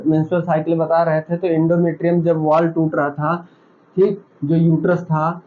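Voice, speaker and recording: A man's voice: a little high, narrow, tinny audio. A man teaching a nursing class, who asks his own questions, answers them and repeats the key terms for his students. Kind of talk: classroom lecture.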